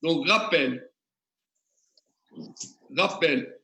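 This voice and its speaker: A man's voice: on the high side, lively intonation, drawn-out words, creaky, sharp tone. A man teaching a classroom tutorial, questioning the class and working through examples step by step. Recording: echoey classroom.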